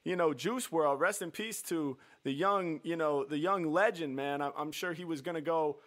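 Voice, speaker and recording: A man with a slightly high, somewhat bright voice hosts a live show at a moderate pace. He chats casually with callers on the livestream, sounding slangy and appreciative, while music plays behind him.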